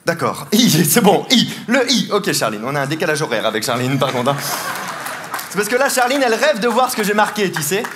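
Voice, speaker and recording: Male stage mentalist, high-ish voice, teasing and jokey, recorded live with audience noise behind. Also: animated, quick pace, a bit bright. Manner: playful, teasing, laughs often while talking. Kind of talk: live stand-up mentalism show. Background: audience laughter and applause.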